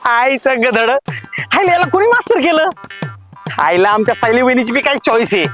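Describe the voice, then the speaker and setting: A man's voice: extremely high pitch, animated, moderate pace, bright, forceful tone. A man acting in a village serial, pleading his side in a roadside quarrel. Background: background music.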